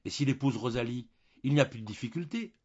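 A man voicing a troubled, gentle young wife who pleads earnestly in a storybook reading. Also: medium pitch, animated, fast, breathy edge, muffled recording, pitched above the performer's own voice. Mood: puzzled.

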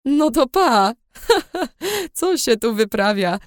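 A woman's voice: medium pitch, lively intonation, measured pace, no echo, clean studio sound. A woman voicing a cheeky, playful young female alchemist who teases and laughs, in an audiobook reading. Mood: teasing. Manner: teasing, laughing. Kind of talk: audiobook character voice.

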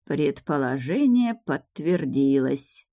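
A woman reading the part of a stern old grandmother who is a powerful high witch, speaking slowly and with command. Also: warm tone, dry recording, studio quality. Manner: slow, measured, commanding.

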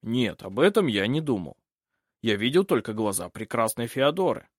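A man as a husky, self-assured old baron. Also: medium pitch, sing-song, moderate pace, no room sound, clean studio sound. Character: self-assured older French baron, an uncle. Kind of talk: audiobook character reading.

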